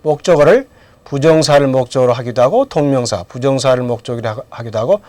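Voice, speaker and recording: A man's voice: medium pitch, fast, darkish tone, no echo. A middle-aged man teaching English grammar in a lecture, asking questions and then answering them himself. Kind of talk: lecture with drills.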